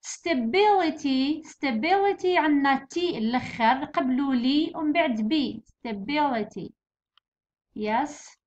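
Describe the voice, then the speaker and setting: A young woman with an Algerian accent teaching an exam revision lesson, explaining patiently and repeating words slowly and clearly. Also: high voice, animated. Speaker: English teacher. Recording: dull lo-fi recording.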